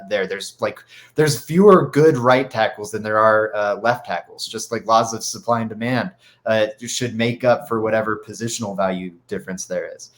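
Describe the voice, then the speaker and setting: A man with a stuffy nose co-hosting a sports podcast, rambling with lots of fillers and restarts. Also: mid-range voice. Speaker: podcast co-host. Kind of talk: casual sports talk.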